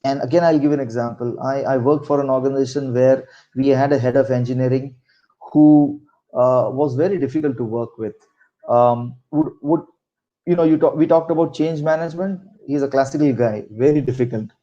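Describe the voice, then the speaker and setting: A man's voice: mid-range voice, brisk, warm tone, highs cut off. A middle-aged man with a Marathi Indian accent, giving career advice through anecdotes in an emphatic, conversational way, repeating phrases for stress. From Maharashtra, India. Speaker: interview guest, senior corporate executive.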